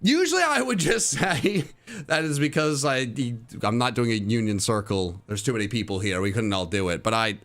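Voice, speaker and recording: A man's voice: mid-range voice, expressive, normal speed, fairly bright tone. A man live streaming a game, teasing his chat with mock outrage and repeating himself. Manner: repeats phrases, sing-song muttering.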